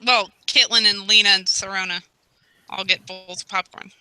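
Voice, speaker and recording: A woman's voice: medium pitch, steady tone, moderate pace, pushed and bright, smooth, dry recording, rough recording. A woman playing a tabletop role-playing game, speaking in a placating, matter-of-fact way. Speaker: player.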